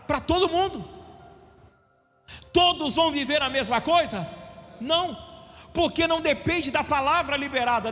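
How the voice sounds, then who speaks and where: A male pastor from Brazil preaching a sermon, asking the congregation questions and swinging between loud and quiet. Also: very high-pitched. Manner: preaching with call-and-response questions, shifting between loud and soft. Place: church hall. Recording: long hall reverb with faint music. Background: faint music.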